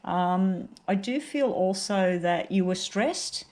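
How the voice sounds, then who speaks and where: A woman giving a casual, unhurried tarot card reading while suffering from a very sore throat. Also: medium pitch, lively intonation, darkish tone. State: very sore throat, may choke up.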